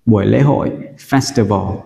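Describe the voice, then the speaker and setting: A man's voice: lowish voice, creaky, warm tone. A man from Vietnam teaching English vocabulary, saying each word several times and asking students to repeat after him. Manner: slow, drills words for repetition. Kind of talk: vocabulary pronunciation lesson. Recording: roomy echo with long reverb.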